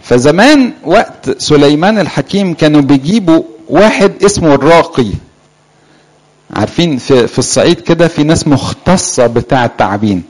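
A man's voice: a little high, animated, brisk, darkish tone, poor audio. A man with an Egyptian Arabic accent preaching a sermon to young people in a church, often putting questions to the crowd and lifting or dropping his voice for emphasis. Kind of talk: sermon to a live congregation.

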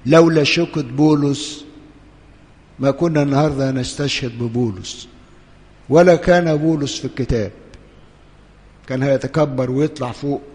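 A man with an Egyptian Arabic accent preaching a sermon as a priest, swinging between hushed urging and loud, impassioned pleading. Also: medium pitch, normal speed, pauses often, in a large hall.

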